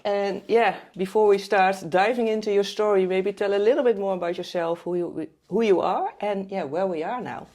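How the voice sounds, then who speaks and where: A woman's voice: medium pitch, normal speed, few pauses, warm tone. A woman hosting a podcast, interviewing in a casual, conversational way. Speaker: podcast host.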